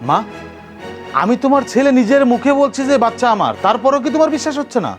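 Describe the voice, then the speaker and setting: A man's voice: extremely high pitch, animated, fast talker, faint music behind. A man with a Bangladeshi accent playing an indignant young son defending his wife in a film melodrama, earnest and insistent. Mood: firm, exasperated. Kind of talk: melodramatic short film acting.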